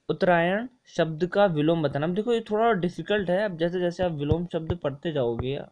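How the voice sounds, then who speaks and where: A man's voice: fairly high pitch, a little mellow. Chatty young male exam tutor. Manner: chatty and repetitive, mixing English words into Hindi, often saying ठीक है. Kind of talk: casual screen-share lesson explaining test answers.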